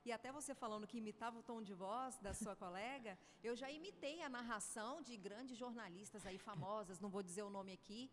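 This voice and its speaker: A woman hosting a podcast, a former journalist, affirming her guest in a measured, conversational way. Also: fairly high pitch, long reverb tail, a little hiss or hum.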